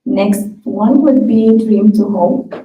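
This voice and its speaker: A woman moderates a pitch event, calling each speaker up in a brief, welcoming way. She talks slowly. She is heard from far off in an echoey hall, with faint noise behind. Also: steady tone, narrow, tinny audio. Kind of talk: announcing speakers.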